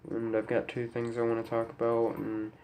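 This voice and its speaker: Through a camera microphone in a rough recording with slight background noise, a young man with a cold addresses his YouTube viewers unscripted. His mid-range voice is dark, monotone and congested, moving at a moderate pace, and he comes across somber, hesitant and sorry.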